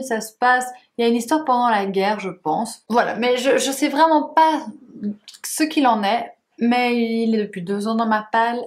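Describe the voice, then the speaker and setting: Woman vlogger, chatty home reading-list talk, somewhat high voice, easygoing hesitations. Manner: chatty, self-deprecating, hesitant fillers. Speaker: book vlogger. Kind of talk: casual reading-list vlog. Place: home room.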